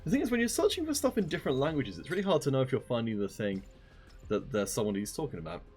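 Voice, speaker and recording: A man's voice: mid-range voice, big pitch swings, very fast, darkish tone, faint music behind. A man casting a live esports stream, chatting upbeat and directly to viewers. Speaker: esports caster.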